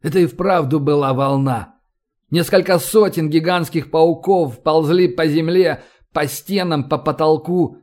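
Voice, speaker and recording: Man reading an audiobook, slightly high voice. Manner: steady, measured reading. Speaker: audiobook narrator. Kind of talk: audiobook narration.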